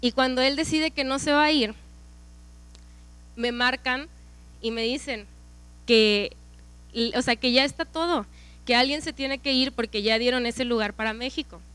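A young Mexican woman with a Mexican accent gives a personal testimony to a church women's gathering. Her voice sits a bit high and comes through smooth and clear. She tells the story in a lively way, acting out the back-and-forth of conversations. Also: a little slow, pauses often. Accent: Mexican Spanish. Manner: lively storytelling with quoted dialogue. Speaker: speaker at a church women's event.

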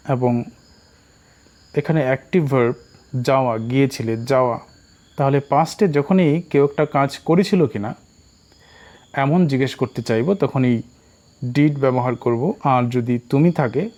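A man with a Bengali accent teaches spoken English, repeating each English phrase slowly and deliberately. His voice is mid-range with a darkish tone.

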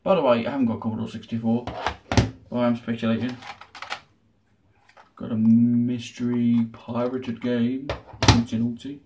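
With little pitch movement and a measured pace broken by long pauses, a man in a mid-range voice hosts a casual retro gaming unboxing. Dry sarcasm runs through his chat, recorded in a small home room with noticeable background noise.

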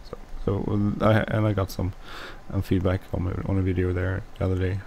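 Deep gravelly man with a Swedish accent. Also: level tone, a little mellow, a little hiss or hum, low-quality recording. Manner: mumbling, halting, with many restarts. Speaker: let's play host. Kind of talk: casual gameplay commentary.

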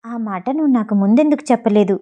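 A woman voicing a nervous, flustered young woman who speaks in hushed tones. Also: a little high, quick pace, highs cut off, natural voice.

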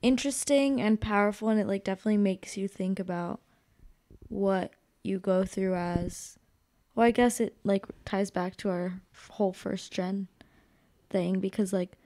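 A young adult woman co-hosts a podcast from a hotel room, seated on the bed, in casual chat. She speaks earnestly and reflectively, sometimes searching for words. Her voice is medium-pitched and mellow at a moderate pace, with no room sound.

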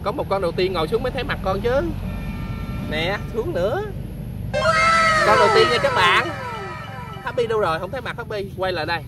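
Chatty Southern Vietnamese dad outdoors. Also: male voice, high voice, very animated, over loud music. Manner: chatty, coaxing his child along, quick repeated words. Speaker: father filming a family fishing vlog. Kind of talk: casual family vlog chat. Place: outdoors at a canal bridge.

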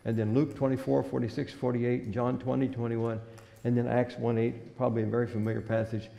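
Older man, church sermon, gravelly, mellow tone, long reverb from the hall. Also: mid-range voice, level tone, fairly quick. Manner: old-fashioned, earnest preaching with scripture reading. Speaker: pastor. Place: church sanctuary at a pulpit. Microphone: stand microphone at the pulpit.

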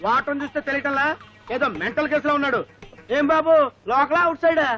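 A man's voice: very high voice, steady tone, fast, bright, forceful tone, soft background music, poor audio. An actor playing a defiant, mocking rival father in a comic film.

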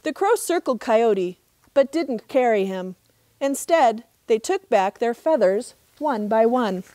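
A middle-aged woman narrates a children's trickster tale with deliberate expression. Her voice is fairly high and very unhurried, recorded outdoors with no echo. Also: expressive, dark tone. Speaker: park ranger reading a children's story. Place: outdoors in open desert.

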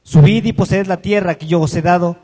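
A man reading scripture aloud in a loud, formal way. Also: high-pitched, steady tone, fairly quick, big-room sound. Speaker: scripture reader.

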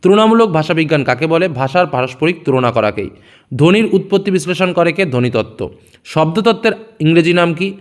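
A male teacher runs quick question-and-answer revision for his students in a high, expressive voice that moves a lot. Each answer comes out lower and softer than the question before it.

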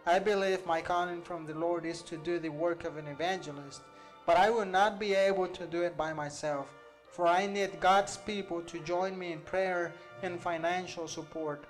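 A young man from Costa Rica, an evangelist, giving an earnest, measured scripted appeal for his ministry. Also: high voice, steady tone, soft background music, low-quality recording. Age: young adult.

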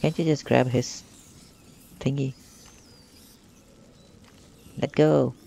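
A man's voice: medium pitch, fairly even intonation, very slow, vocal fry, mellow. A man giving casual let's-play commentary, grumbling and joking at the game as he goes. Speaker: gamer.

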